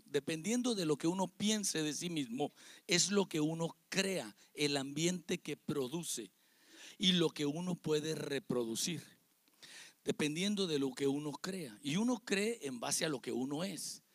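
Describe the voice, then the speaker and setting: Gravelly Mexican pastor preaching emphatically. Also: male voice, fairly high pitch, no room sound. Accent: Mexican Spanish. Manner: emphatic, repetitive preaching with rhetorical questions. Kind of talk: evangelical sermon. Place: church service with congregation.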